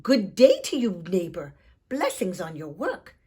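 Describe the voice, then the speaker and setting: A woman's voice: fairly low pitch, huge pitch swings, a little slow, warm tone, husky, heavily acted. A woman voicing a cocky, greedy young man in a children's storybook, bold and boastful in manner. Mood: sweetly polite.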